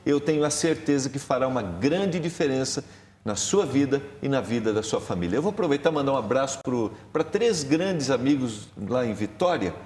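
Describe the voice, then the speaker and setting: A man, a pastor, hosting a Bible study program in a TV studio with emphatic, rising delivery. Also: fairly quick. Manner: warm, emphatic host with lively pitch rises. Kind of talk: religious TV studio talk. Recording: roomy studio with long reverb.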